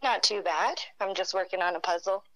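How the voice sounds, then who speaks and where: A woman from Ontario, Canada, chatting as a podcast guest in a relaxed, talkative way, laughing often. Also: on the low side, a little fast, dry recording, rough recording. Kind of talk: casual podcast chat.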